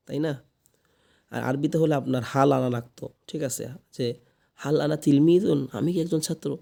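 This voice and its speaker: Guy teaching english class, patient, says stuff over n over, gravelly low tone. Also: warm tone. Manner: patient, repeats phrases slowly for learners. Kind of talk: spoken English lesson in Bengali.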